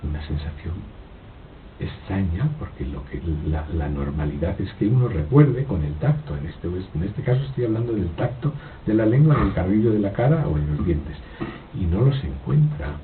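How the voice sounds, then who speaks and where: A man giving a slow, reflective philosophical talk, halting and repeating his words, with frequent rhetorical questions. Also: lively intonation, distant mic. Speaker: spiritual speaker giving a talk. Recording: old lo-fi tape, phone-like, noisy with rumble.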